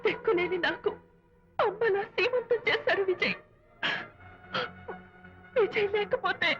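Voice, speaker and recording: An actress playing a young mother who forcefully defends her baby, in emotional film dialogue. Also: very high voice. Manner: forceful, accusing. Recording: dull film audio with music. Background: film score.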